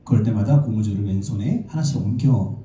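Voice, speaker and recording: A man's voice: fairly low pitch, fairly quick. A Korean man preaching a sermon as pastor, telling stories and asking his congregation questions. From South Korea. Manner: lively storytelling preacher, asks the congregation questions. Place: church sanctuary. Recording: roomy church echo, distant mic.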